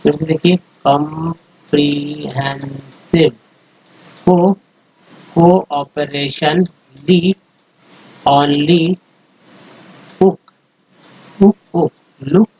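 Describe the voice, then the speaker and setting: Over slides, a man teaches English phonics aloud, sounding out word parts one at a time and then blending them into whole words. His voice is a little high and husky, captured in a dull lo-fi recording.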